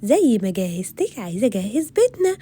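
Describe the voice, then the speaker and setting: A woman with an Egyptian accent voicing an excited, cheerful little girl. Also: medium pitch, fast talker, breathy edge.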